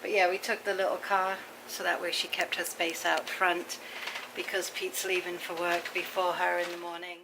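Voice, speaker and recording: A woman's voice: fairly low pitch, little pitch movement, moderate pace, vocal fry, background noise. A middle-aged woman from England, chatting casually to viewers in a rambling, anecdotal vlog style. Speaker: vlogger.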